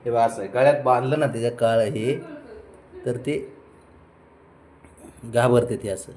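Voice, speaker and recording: घरी फोनवर व्हिडिओ करत मांजराला आंघोळीसाठी लाडाने, चिडवत वारंवार हाका मारणारा, मराठी लहेजा असलेला पुरुष. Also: male voice, mid-range voice, fairly even intonation, a little slow, a little mellow. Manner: coaxing, teasing, repeats calls. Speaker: cat owner filming his pets. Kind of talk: casual home video, coaxing a pet. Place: indoors at home.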